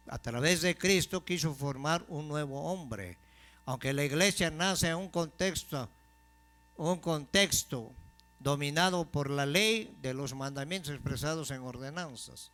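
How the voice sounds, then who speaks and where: Male pastor, sermon, emphatic, call-and-response questions, slightly high voice. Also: a bit bright. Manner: emphatic preaching, slowing for key phrases.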